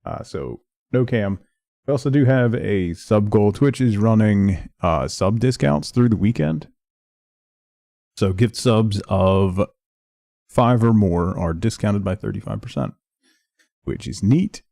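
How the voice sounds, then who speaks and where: A man hosting a casual game livestream, talking in a sedated, flat, low-energy way, subdued from medication. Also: takes it slowly, gravelly, no room sound, studio quality. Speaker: game streamer, host. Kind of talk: casual livestream intro talk.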